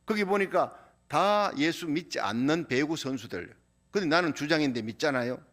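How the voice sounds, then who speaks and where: A man's voice: fairly high pitch, animated, moderate pace, a bit bright. A middle-aged man preaching a sermon as pastor, telling a personal story with acted quotes.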